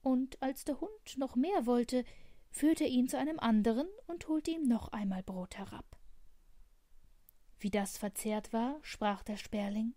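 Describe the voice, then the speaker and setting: A woman reads a fairy tale aloud in a calm, even manner, slow and unhurried. Her voice is mellow and a little high. The recording is close and dry. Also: no room sound. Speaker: narrator. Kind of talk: fairy tale audiobook narration.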